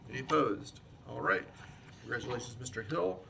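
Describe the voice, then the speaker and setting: A man chairing a public meeting, calling motions and votes in an informal, polite, halting way. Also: mid-range voice, lively intonation, vocal fry, heavy background noise. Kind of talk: procedural meeting moderation.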